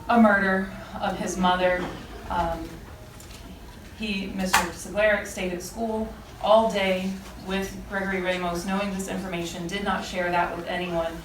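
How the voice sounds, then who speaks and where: A woman prosecutor arguing formally with frequent hesitations, heard on a courtroom recording. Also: lowish voice. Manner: formal, halting, lots of um and uh. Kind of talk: courtroom argument. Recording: echoey courtroom, distant mic, room noise.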